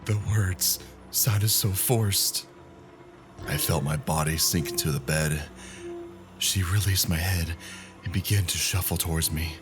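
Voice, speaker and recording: Very deep, slow horror narrator man. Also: music in the background. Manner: slow, measured, grim.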